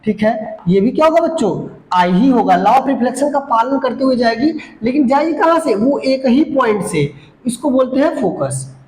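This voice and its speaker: A woman's voice: on the high side, animated, normal speed, darkish tone. A woman teaching a physics lesson at a board. She repeats key terms, asks questions and answers them herself, and stretches English definitions out word by word. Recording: roomy echo, faint background noise.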